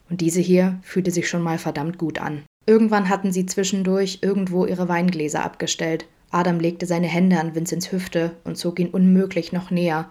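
A woman narrating a fan fiction audiobook in a calm, even storytelling manner. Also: on the low side. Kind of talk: podfic audiobook reading.

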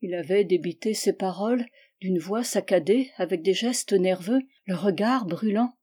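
A woman narrating a classic novel as an audiobook in a measured, even way. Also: medium pitch, breathy edge. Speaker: audiobook reader.

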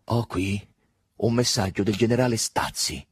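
A man reading the part of a hurried, overbearing lieutenant colonel in an audiobook, brisk and falsely cordial. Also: on the low side, slightly rough, no room sound, clean studio sound. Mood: insistent. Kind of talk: audiobook dialogue.

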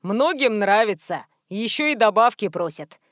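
A woman voicing a rude, menacing young male thug in an audiobook, with a slow, low, threatening drawl. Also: expressive, dry recording, studio quality, natural voice. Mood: mocking. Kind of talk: audiobook reading.

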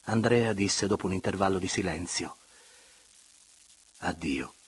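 A man reading a classic novel aloud as an audiobook narrator, measured and expressive, sometimes sinking to hushed tones. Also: fairly low pitch, slight background noise.

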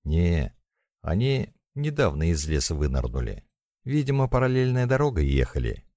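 A man's voice: low voice, sing-song, normal speed, warm tone, dry recording, clean studio sound. A man reading an audiobook voices a brash young woman driver who snaps back at her friends. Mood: explaining. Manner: snapping, brash. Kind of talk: audiobook character voice.

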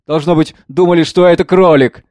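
A man reading the part of a wounded peasant with a hoarse, mocking voice. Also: a little high, steady tone, brisk, a little mellow, dry recording, studio quality, pitched above the performer's own voice, lightly acted. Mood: rough, mocking.

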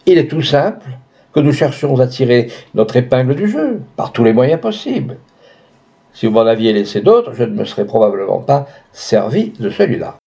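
A man's voice: mid-range voice, big pitch swings, normal speed, warm tone. A man voicing a scheming, cynical young woman who coolly bargains, read in a storybook style on a dull lo-fi recording. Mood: haughty. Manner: cool, haughty, bargaining.

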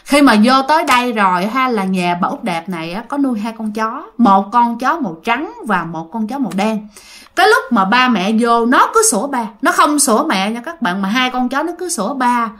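A woman's voice: fairly high pitch, very animated, normal speed, fairly bright tone. A woman with a Southern Vietnamese accent telling a ghost story in a chatty way, talking straight to her listeners. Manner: chatty, addresses listeners directly.

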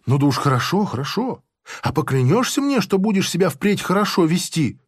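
A man's voice: high-pitched, big pitch swings, fairly quick, slightly rough, no echo, clean studio sound, heavily acted. A man playing a sanctimonious, sadistic army officer who talks in a smug, moralizing way, in a storybook reading. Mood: smug, oily. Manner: unctuous, moralizing, then gleefully shouting.

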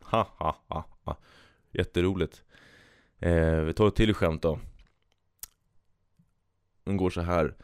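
Low-voiced casual man hosting a podcast. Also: steady tone, long pauses, clean tone, dry recording, clean studio sound. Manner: rambling, self-amused, reads jokes aloud with voices. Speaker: podcast host. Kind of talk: casual solo podcast chat, reading jokes.

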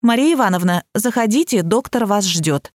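A businesslike clinic nurse calling patients, read by a woman narrator. Plain and brisk, in a dry close reading. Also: mid-range voice, lively intonation, a little mellow, dry recording, close to an everyday voice.

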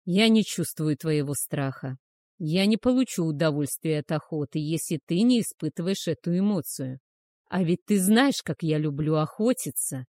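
A woman voicing a cruel, brooding male werewolf hunter who speaks harshly and loudly. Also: on the low side, lively intonation, measured pace, no room sound, studio quality. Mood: menacing. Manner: harsh, menacing, loud.

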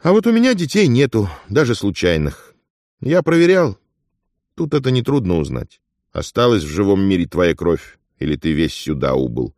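A man reading an audiobook and voicing a boisterous, talkative older male companion who lectures in a lively raised voice. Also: sits low, normal speed, no echo, clean studio sound, pitched above the performer's own voice. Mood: mentoring. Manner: loud, lively, mentoring.

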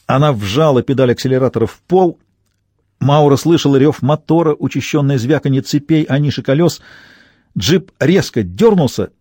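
Man, audiobook narration, lively pitch, dry recording. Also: husky, no room sound. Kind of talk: scripted narration.

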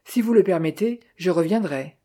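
A reader voicing a wily, smooth-talking male card sharp in an audiobook. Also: medium pitch, expressive, moderate pace, lightly acted. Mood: smug. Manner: pleased, smooth.

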